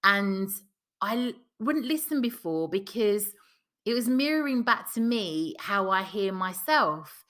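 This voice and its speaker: Hosting a solo podcast, a woman with a South London or Essex English accent talks frankly and chattily, casually swearing along the way. Her mid-range voice is animated and fairly bright, and she takes her time.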